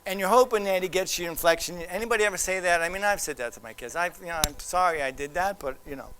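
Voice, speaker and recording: A man giving a presentation to parents, animated and teasing, acting out what others might say. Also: high voice, fast talker. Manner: animated, teasing, acts out quoted voices. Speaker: child development specialist.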